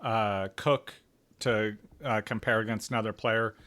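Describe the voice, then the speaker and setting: A relaxed man with a somewhat low voice co-hosts a casual sports podcast, joking and laughing easily. He is calling in over a video call from work during his lunch break. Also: unhurried. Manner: relaxed, laughs often, jokey. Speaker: podcast co-host. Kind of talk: casual fantasy football chat.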